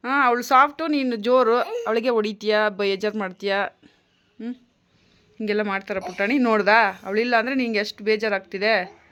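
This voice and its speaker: A young adult woman in a casual home vlog, talking in a gentle, coaxing and reassuring way as a mother soothing her child. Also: on the high side, fairly even intonation, normal speed, muffled recording.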